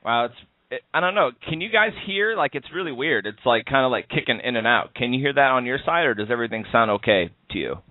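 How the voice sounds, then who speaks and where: A man's voice: medium pitch, expressive, fast, dry recording. A man hosting a podcast in casual chat, rambling with lots of fillers and restarts. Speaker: podcast host. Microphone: internet call over wireless. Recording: tinny Skype call audio.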